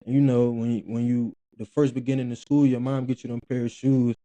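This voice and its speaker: A young man in his twenties from Philadelphia, Pennsylvania, a former college football player, talks loosely as a guest in a casual interview, full of slang and restarts. His mid-range voice is mellow, with a flat delivery and a fairly quick pace, in a dry recording.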